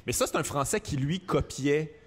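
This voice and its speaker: A man, a comedian guest telling his own story in relaxed casual chat. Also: fairly high pitch, moderate pace, slightly rough, big-room sound.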